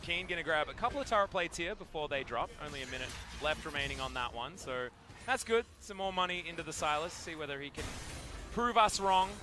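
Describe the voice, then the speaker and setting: A man doing play-by-play commentary on an esports match, getting loud and excited when fights break out. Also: fairly high pitch, fairly quick, music in the background. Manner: excitable, rising to shouts in fights. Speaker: esports caster.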